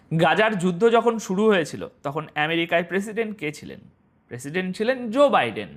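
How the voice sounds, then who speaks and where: A man presenting international news commentary, speaking straight to his viewers and asking them rhetorical questions. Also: high voice. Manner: animated, rhetorical questions to the audience.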